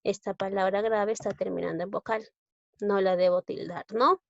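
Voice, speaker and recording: A woman's voice: mid-range voice, fairly even intonation, moderate pace, vocal fry, no room sound. Woman teacher, Peruvian Spanish accent, patient step-by-step lesson, dull lo-fi sound. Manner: patient, explains step by step with frequent tag questions. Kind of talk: recorded online grammar lesson. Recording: dull lo-fi recording.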